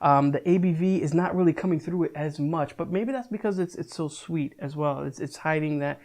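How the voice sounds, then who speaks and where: A man's voice: fairly high pitch, brisk, a little mellow. A young adult man giving a casual, chatty beer review, talking loosely with frequent restarts and casual swearing.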